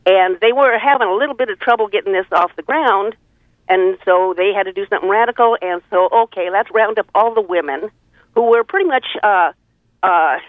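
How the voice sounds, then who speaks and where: A woman with a mid-range voice phones in to a radio talk show and chats briskly in a rambling, earthy, opinionated way. The tinny, band-limited phone line carries no room sound.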